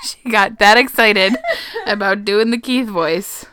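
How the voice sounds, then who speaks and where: Speaking into a podcast microphone, a young adult woman hosts a casual chat in a medium-pitched voice that is unhurried, pushed and bright. She laughs a lot, swears casually and is playfully blunt.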